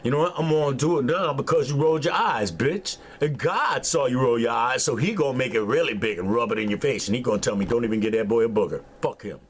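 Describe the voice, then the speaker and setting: An older man delivering an angry, profane, preachy rant to camera, mocking his listeners and breaking into high shouts. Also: fast, hardly any pauses. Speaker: vlogger. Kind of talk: angry ranting monologue.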